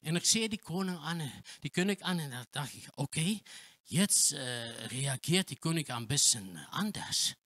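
A male pastor preaching a sermon in with grammar slips, dropping to hushed tones and rising to shouts of praise. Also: fairly high pitch, expressive, measured pace. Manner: non-native German with grammar slips, swings from hushed to shouting. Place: church hall.

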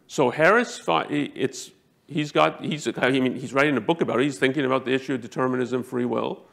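A man giving a lecture to a live audience, talking emphatically, jumping up in pitch to stress points and often restarting his sentences. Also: brisk, vocal fry, fairly bright tone. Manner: self-correcting, frequent restarts.

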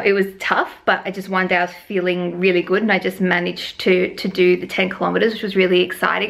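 A woman's voice: mid-range voice, creaky, a bit bright. A young Australian woman chatting to a handheld camera at home, a little out of breath after a run, chatty and self-deprecating, laughing between phrases. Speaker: lifestyle vlogger. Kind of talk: casual vlog chat to camera. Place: bedroom of a home, indoors. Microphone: handheld camera at arm's length.

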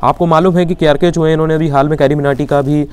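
A man's voice: fairly high pitch, fairly even intonation, fast, darkish tone, clear, resonant tone. A man with an Indian accent giving an indignant opinion commentary, arguing with rhetorical questions. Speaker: YouTube commentator.

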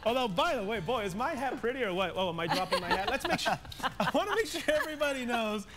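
A man's voice: very high voice, very animated, fast. A man hosting a TV morning show with casual, jokey, self-mocking interview chat. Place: TV studio. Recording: music playing behind the voice.

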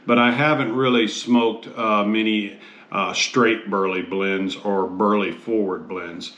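An American man in his fifties giving a casual review to camera in a measured, halting way, often pausing mid-phrase. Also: lowish voice, fairly even intonation, fairly bright tone. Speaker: host of a pipe tobacco review show. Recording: roomy, echoey sound.

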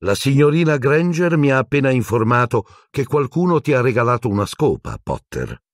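A man's voice: mid-range voice, very animated, moderate pace, no room sound, studio quality, voice pushed up. A man voicing a strict, severe older female professor with a clipped, cool delivery in an audiobook reading. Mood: stern.

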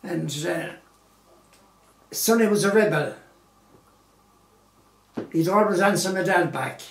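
A man, recalling his childhood in a slow, rambling way full of pauses and fillers. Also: high voice, vocal fry, a little hiss or hum. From Galway, Ireland. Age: 90s. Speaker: oral history interviewee. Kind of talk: unhurried storytelling reminiscence. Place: small living room indoors, seated in armchair. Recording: roomy living-room echo.

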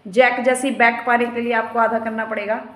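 A woman chats playfully from behind a phone as she films her husband working out. Her voice sits a touch high and keeps breaking into teasing banter. The room around her rings with echo. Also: flat delivery, a little fast. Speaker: vlogger filming her husband. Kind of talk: playful home vlog chat. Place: echoey home gym room. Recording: echoey room.

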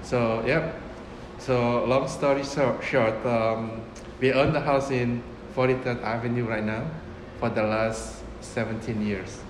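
A man in his fifties, originally from Indonesia, a restaurant owner speaking in a casual interview, unhurried and full of fillers and restarts. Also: medium pitch, fairly even intonation. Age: 50s. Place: restaurant dining room, indoors. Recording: roomy echo with room noise.

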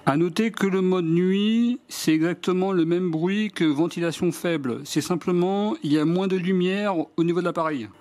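A French man calmly walking through a product test off camera, reading out measurements one by one in a matter-of-fact way. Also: high-pitched, moderate pace, few pauses. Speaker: DIY product reviewer. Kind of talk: hands-on product demonstration voice-over.

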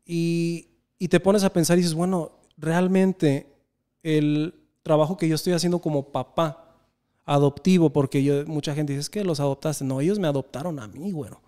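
Earnest Mexican man, mellow smooth voice. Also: fairly high pitch, steady tone, normal speed. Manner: earnest, reflective storytelling. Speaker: podcast guest. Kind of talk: casual conversation.

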